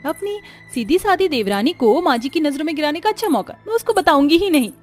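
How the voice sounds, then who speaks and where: A woman's voice: sits high, expressive, fast, faint music behind. Woman doing a sneering scheming sister-in-law. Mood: sly. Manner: sneering, mocking. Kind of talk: dubbed cartoon story voice.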